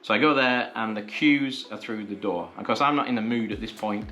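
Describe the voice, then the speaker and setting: A man's voice: fairly low pitch, brisk, pushed and bright, faint music behind. A man vlogging, telling a frustrating story in a casual, exasperated way and acting out both sides of his phone calls.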